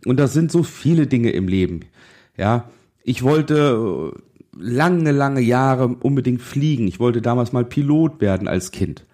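Here a man in his forties uses a mellow, mid-range voice, expressive and a little slow. As a financial advisor and podcast host, he gives a motivational monologue aimed right at the listener, insistent and full of rhetorical questions.

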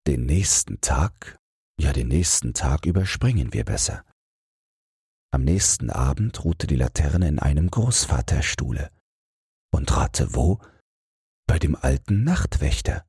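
A man narrating a fairy tale as a calm, soothing bedtime audiobook. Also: very deep voice, a little slow, creaky, slightly rough, no echo, studio quality.

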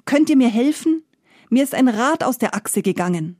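A woman's voice: fairly low pitch, measured pace, a little mellow, no echo, clean studio sound. A woman voicing Death disguised as an old male carter who wails and pleads, then gloats. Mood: wailing.

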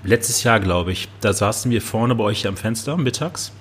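A man's voice: fairly low pitch, moderate pace, a bit bright, slight background noise. A male podcast host chatting casually, briefly recalling a shared memory.

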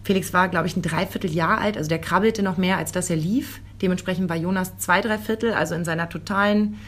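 Husky woman telling lively stories. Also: fairly low pitch, fast talker. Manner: lively storytelling, acts out quoted voices. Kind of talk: casual chat, anecdotes.

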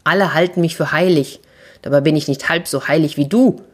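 A woman's voice: sits low, a little fast, husky. A woman voicing a lonely caged mare who longs for freedom, in a storybook reading. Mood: wistful. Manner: wistful, then eagerly conspiratorial. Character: lonely caged female horse, yearning for freedom.

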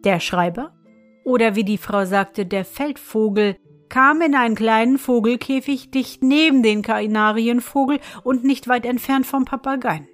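A woman reading a fairy tale aloud as narrator, in an even storytelling manner. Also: on the high side, moderate pace, faint music behind.

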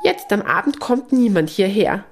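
Woman voicing a tiny church mouse, very high and excited, storybook reading. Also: moderate pace, slight background noise, natural voice. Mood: urgent. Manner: urgent, breathless chatter.

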